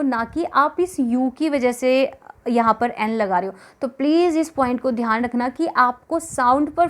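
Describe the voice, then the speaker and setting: A woman with a Haryanvi accent teaching an exam-prep grammar lesson, explaining patiently, repeating words and asking the class questions. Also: sits high.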